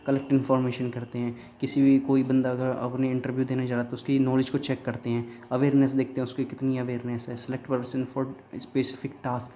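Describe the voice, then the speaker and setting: A young man giving a casual revision lecture for an exam, mixing Hindi and English and reading his notes haltingly. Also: mid-range voice, dark tone, a little hiss or hum. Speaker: exam-prep tutor.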